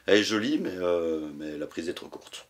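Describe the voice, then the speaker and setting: A man chatting casually in a vlog while clearing out a closet at home, rambling, swearing and poking fun at himself. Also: low-pitched, sing-song, normal speed, a little hiss or hum. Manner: rambling, swearing, self-mocking. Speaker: YouTuber. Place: cluttered apartment, clearing a closet.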